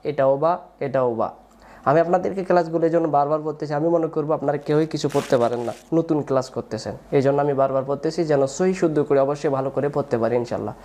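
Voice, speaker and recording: A man's voice: on the high side, racing, warm tone. A man teaching beginners to read the Quran, patiently repeating each letter sound and calling on the listener to answer back. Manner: call-and-response drilling. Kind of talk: step-by-step spoken lesson.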